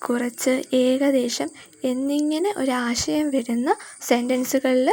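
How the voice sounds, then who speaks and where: A woman teacher explaining grammar, reading her example sentences slowly and deliberately. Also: sits high, vocal fry, darkish tone.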